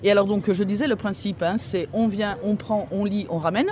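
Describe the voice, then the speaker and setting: High-voiced man explaining, full of fillers. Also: steady tone, a little mellow, a little hiss or hum. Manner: halting, heavy with fillers and tag questions. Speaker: recycling centre staff member. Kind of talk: explaining on-site to an interviewer. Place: outdoors on a street by a book fridge.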